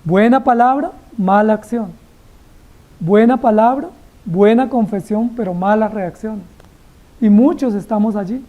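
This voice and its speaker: A woman's voice: mid-range voice, a little slow, phone-quality sound. A woman preaching an expository sermon, dramatically acting out biblical dialogue and firing rhetorical questions at the congregation.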